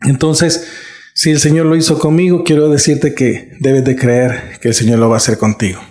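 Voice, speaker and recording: A man's voice: mid-range voice, flat delivery, moderate pace, darkish tone. A middle-aged man preaching a sermon as pastor, earnest and conversational, often checking in with his listeners. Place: church. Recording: echoey church room.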